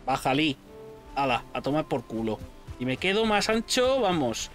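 A man with a Spain Spanish accent giving casual, excitable gameplay commentary, shouting at pets and swearing freely. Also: fairly high pitch, normal speed, faint music behind. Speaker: gaming channel host.

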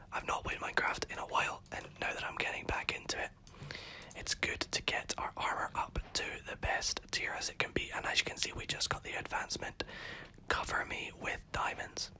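Over gameplay, a host murmurs in a chatty whisper, fixing his own words along the way while his voice fades and the occasional cough breaks through. The audio quality is poor.

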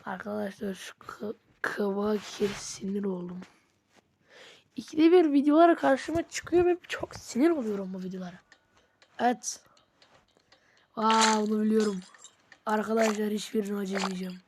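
A woman giving casual let's-play commentary, excitable, talking straight to her viewers and slipping into whispered asides. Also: medium pitch, moderate pace, long pauses, slight background noise. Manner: excitable, often addresses viewers as "friends", drops into whispered asides. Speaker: gaming channel host.

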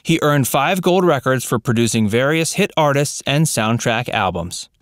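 A man's voice: mid-range voice, normal speed, smooth, no echo. Man reading a dry voice-over. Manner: even, read-out delivery of trivia facts. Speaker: narrator. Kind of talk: scripted narration.

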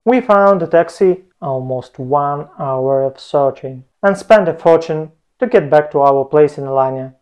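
A man's voice: a little high, measured pace, few pauses, darkish tone. Playful man vlogging with a lapel mic. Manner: playful, jokey asides. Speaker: travel vlogger. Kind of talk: scripted travel vlog narration. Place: home room, indoors.

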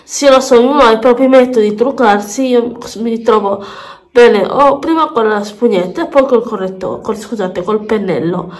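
A woman with a fairly high voice speaks through a pinched, stuffed-up nose, clearly congested with a cold. She chats casually as a beauty vlogger, rambling along and often doubling back on her words. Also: normal speed. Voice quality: nasal, pinched blocked-nose voice. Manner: rambling, repeats words and phrases. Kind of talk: casual chatty makeup vlog. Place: bathroom at home.

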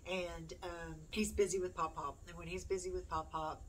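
A middle-aged homeschooling mom who hosts a YouTube channel chats casually to the camera, rambling and poking fun at herself. Her voice is fairly low, level, a little slow and slightly bright. She's in a small room at home, picked up by a distant mic amid room noise.

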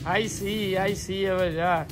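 A man's voice: sits high, steady tone, slow pace, loud music behind the voice. A man with a Dominican accent hosting a casual vlog, chatty and teasing with the people around him. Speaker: vlogger host.

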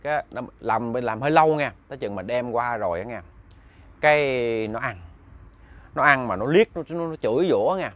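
A man's voice: medium pitch, lively intonation, moderate pace, fairly bright tone. A man retelling a ghost story in a loose, conversational way, full of fillers and repeated words.

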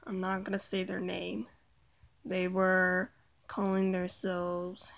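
Upset woman vlogging, voice cracking, halting bits, slow and broken up. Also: mid-range voice, vocal fry. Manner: halting, broken phrases, drops to a near whisper. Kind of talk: emotional confessional video.

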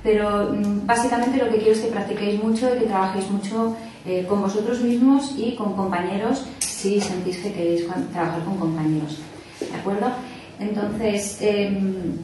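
In a small indoor meeting room, a workshop instructor from the Barcelona area of Spain explains things informally to a small group, demonstrating with her hands and often checking with "¿vale?" that everyone follows. Her medium-pitched voice is steady and dark, at a normal speed. A far-off camera captures her, so the sound is echoey with a faint hiss.

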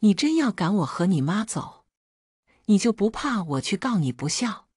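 A woman's voice: mid-range voice, big pitch swings, moderate pace, darkish tone, breathy edge, no room sound, studio quality, voice pushed up. A woman voicing a demanding, stubborn father in his seventies who scolds his daughter in a storybook reading. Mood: indignant. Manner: scolding, indignant.

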